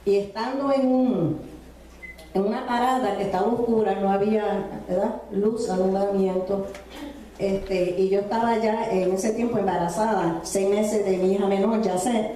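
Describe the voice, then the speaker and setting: A woman's voice: mid-range voice, steady tone, normal speed, dark tone, recorded from a distance, slight background noise. Woman preacher in an echoey church. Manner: storytelling with many fillers and tag questions. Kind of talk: sermon testimony.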